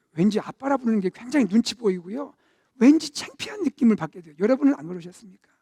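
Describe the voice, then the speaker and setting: A middle-aged man preaching a sermon as senior pastor in a conversational way. His delivery swells to loud emphasis and then drops to near-whispers. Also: very high-pitched, breathy edge, dry recording, clean studio sound.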